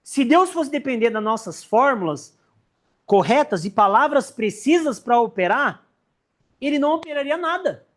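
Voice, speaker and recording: A man with a Brazilian accent teaching a church Sunday school class, joking and acting out Bible characters. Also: extremely high pitch. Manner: animated, joking, acts out Bible characters in quick voices.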